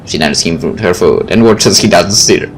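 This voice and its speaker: A man with a low voice hosts a game video at a moderate pace, reading story narration aloud and tossing in casual, wry asides. Faint game music plays behind him.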